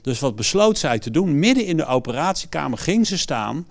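A man's voice: fairly high pitch, a little fast, vocal fry. A man preaching, telling vivid stories in a sermon, often restarting sentences as he goes. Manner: lively storyteller who acts out quotes. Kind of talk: storytelling sermon.

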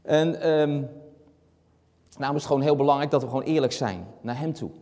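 A man preaching a sermon and reading Bible verses, speaking earnestly and steadily with frequent pauses and fillers. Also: fairly high pitch, mellow. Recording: long hall reverb.

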